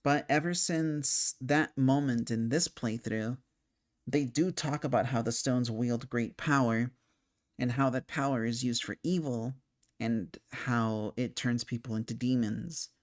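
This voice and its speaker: A man's voice: mid-range voice, measured pace. A young man talking casually about a video game, rambling and thinking aloud with many fillers and restarts, hiccuping now and then. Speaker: game commentator. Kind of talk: casual spoken game discussion.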